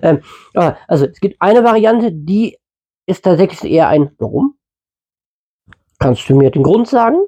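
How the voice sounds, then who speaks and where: A man's voice: high voice, very animated, moderate pace, long pauses, dark tone, breathy edge. A man giving informal Bible teaching in a conversational way, with fillers and mid-sentence self-corrections. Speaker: preacher.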